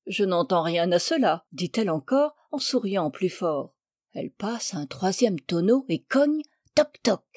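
A woman reading a classic fairy tale aloud in a measured, expressive storybook narration. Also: mid-range voice, no echo, studio quality. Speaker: reader.

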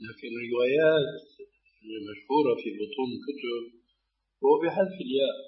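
A man, a religious scholar, talking in a scholarly discussion. He raises quiet, measured objections. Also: mid-range voice. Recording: dull, roomy old tape.

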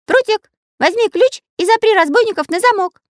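Woman playing a high squeaky little wizard boy, strict, storybook voice. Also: lively intonation, moderate pace, dry recording, clean studio sound. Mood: bossy. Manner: strict, nervous.

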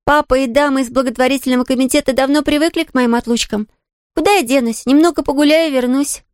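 A sunny, talkative little orphan girl, as a woman reader puts her on in an audiobook, eager and reassuring. The voice sits high and bright above the narration. The sound is dry and close. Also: fairly even intonation, clean tone, no room sound, natural voice. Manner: eager, bubbly, quick to reassure. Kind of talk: audiobook character reading.

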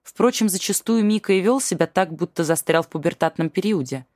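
A woman with a very low voice reads a novel aloud as an audiobook narrator. Her delivery is measured and even. The recording is dry and close, with no room sound. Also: no room sound. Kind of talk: scripted narration.

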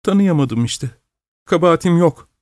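A man's voice: medium pitch, moderate pace, dark tone, no room sound, clean studio sound, close to an everyday voice. A man reading an audiobook, voicing a grieving young woman who tearfully tells her long-lost brother her story. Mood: despairing. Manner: tearful, pleading, emotional.

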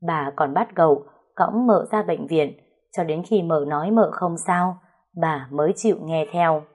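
A woman narrating a story in a lively, gossipy way. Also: deep voice, unhurried, breathy edge.

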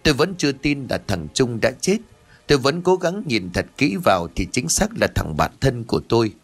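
A male storyteller reads a ghost tale in a formal, dramatic manner. His voice sits at a middle pitch but moves through a wide, lively range. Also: fairly quick. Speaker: audiobook narrator.

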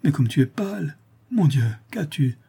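A man's voice: mid-range voice, animated, normal speed, mellow, slightly rough. A man reading an audiobook and voicing a poor, grief-stricken craftsman, tearful and pleading. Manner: pleading, emotional.

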